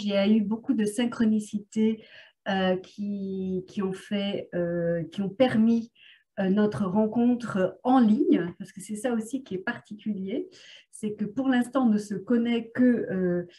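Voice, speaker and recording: A woman's voice: mid-range voice, fairly even intonation, a little slow, warm tone. A woman therapist talking casually on a video call, hesitant and full of filler sounds. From France. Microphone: video call microphone.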